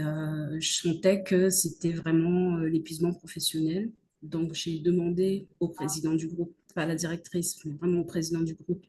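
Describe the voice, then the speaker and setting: A woman from French Guiana giving a measured, hesitant personal testimony over a video call. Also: sits low, warm tone, slightly rough. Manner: measured, hesitant, many pauses. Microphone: video call microphone.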